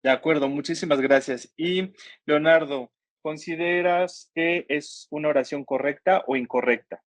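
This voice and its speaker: A man's voice: a little high, moderate pace, no echo. A man teaching an online writing workshop, patiently explaining grammar step by step and asking his students questions. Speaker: workshop instructor.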